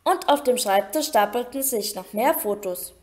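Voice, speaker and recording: Expressive woman reading a storybook. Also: a little high, normal speed. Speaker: audiobook reader.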